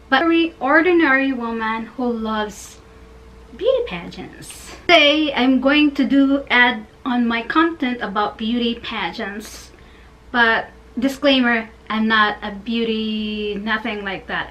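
High-voiced woman chatting slowly in a vlog. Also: a little hiss or hum. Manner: chatty and gushing, with frequent ums and excited bursts. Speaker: vlogger. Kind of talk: casual sit-down vlog.

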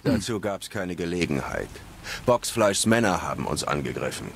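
A male actor playing a terse, stoic monster hunter in a fantasy video game, gravelly and deadpan. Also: deep voice, moderate pace, slight background noise. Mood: stoic, dry. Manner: laconic, deadpan. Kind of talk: scripted video game dialogue in German dub.

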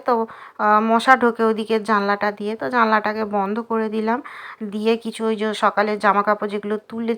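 A woman's voice: mid-range voice, fairly bright tone. A woman in her thirties with a West Bengal Bengali accent, chatting casually to her viewers as she goes about her day at home. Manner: chatty, addresses viewers as friends. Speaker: vlogger. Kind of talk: casual chatty vlog narration. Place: home interior.

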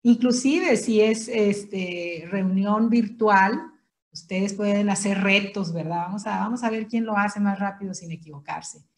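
A woman with a Mexican accent teaching an online class, explaining patiently step by step and repeating each word slowly. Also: medium pitch. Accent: Mexican Spanish. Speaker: tai chi instructor.

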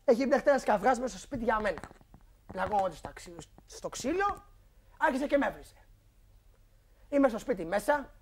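High-voiced man, combative and swearing. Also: big pitch swings, pauses often, darkish tone. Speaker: guest in a couples dispute. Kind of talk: heated studio argument.

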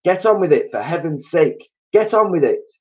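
A man's voice: medium pitch, animated, moderate pace, dull audio, pitched above the performer's own voice, natural voice. Man playing frenzied, bossy monkey leader Mugglewump. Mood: frantic urgency. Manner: shouting urgent orders, impatient, snapping. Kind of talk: children's storybook reading.

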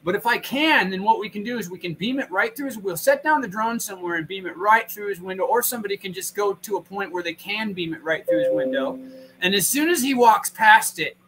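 Casting: high bright man, crude rambling streamer, faint hum in the background. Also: lively intonation, fairly quick, poor audio. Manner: rambling, profane, acts out imagined pranks in put-on voices. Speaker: guest. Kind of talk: crude casual chat on a stream.

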